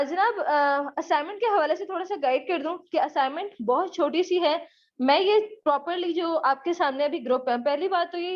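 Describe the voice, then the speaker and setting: Woman, English teacher, online lecture, high-pitched, muffled call audio. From Pakistan. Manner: mixes English into Urdu, slow drawn-out English sentences.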